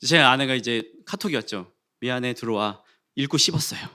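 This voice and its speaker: A man in his forties preaching a sermon in a church, telling a funny personal story with lively acted-out dialogue. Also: medium pitch, brisk. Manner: animated storytelling, acting out quarrels and rising to loud exclamations. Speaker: pastor. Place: church sanctuary.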